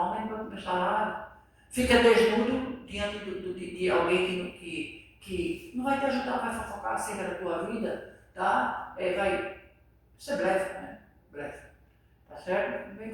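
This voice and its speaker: High-voiced preacher, echoey and far-miked. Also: male voice, pushed and bright. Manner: impassioned, acts out voices of others. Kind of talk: sermon, Bible study. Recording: echoey room, voice far from mic.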